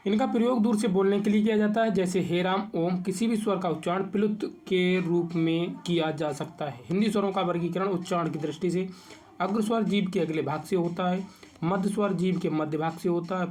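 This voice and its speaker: A man teaching an exam-prep grammar lesson, reading out definitions and slowly stretching each vowel he lists. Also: high-pitched, darkish tone.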